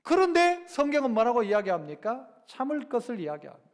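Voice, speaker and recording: High-voiced pastor preaching in a reverberant hall. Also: male voice, a little fast. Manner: conversational preaching with rhetorical questions to the congregation; acts out quoted lines in a lively voice. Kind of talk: sermon. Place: church sanctuary.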